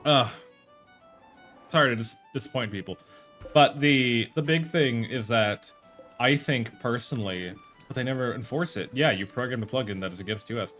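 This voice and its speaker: Rambling bright-voiced male streamer. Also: medium pitch, normal speed, faint music behind. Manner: rambling, animated, frequent fillers and restarts, swears. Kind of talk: casual live-stream commentary.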